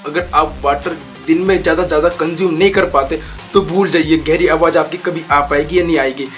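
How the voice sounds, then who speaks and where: A man's voice: on the high side, steady tone, a little fast, a bit bright, faint music behind. A young man casually explaining voice training tips as a YouTube tutor, repeating points and mixing in English phrases. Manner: instructive, repetitive, mixes English phrases. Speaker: voice coach YouTuber.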